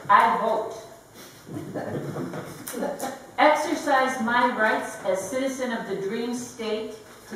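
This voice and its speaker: A woman poet giving a live poetry reading, speaking slowly and deliberately, with light laughs between lines. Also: mid-range voice, fairly bright tone, distant mic. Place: gallery event room. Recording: very echoey room, voice heard from afar with faint background hiss.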